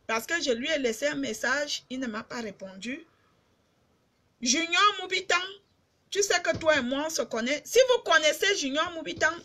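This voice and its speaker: A woman's voice: sits high, fairly bright tone. A middle-aged woman from Cameroon with a Cameroonian accent, chatting casually and emphatically to her fans on a live video stream. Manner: emphatic, repetitive, addresses fans directly.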